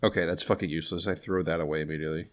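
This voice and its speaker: A man's voice: very deep voice, fairly even intonation, racing. A young man playing a tabletop game, joking, swearing and laughing in casual chat. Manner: swearing, jokey, laughs often. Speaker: player.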